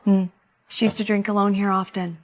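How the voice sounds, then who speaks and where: An actress playing a bartender who calmly tells a husband about his wife. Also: mid-range voice, brisk, lightly acted. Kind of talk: short drama acting.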